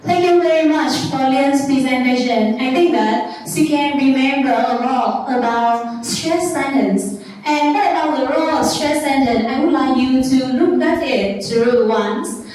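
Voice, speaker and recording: A woman with a Vietnamese accent teaching an English class, speaking slowly and checking often that the students understand. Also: high voice, darkish tone, slight background noise. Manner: slow, repeats "understand?" and "right?" to check the class. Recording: echoey classroom from far off.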